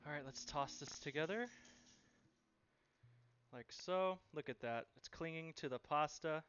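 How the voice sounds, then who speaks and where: A man's voice: on the high side, a little slow, fairly bright tone, smooth, lo-fi sound. A man running a live cooking stream, chatting and cheerfully thanking viewers as he cooks.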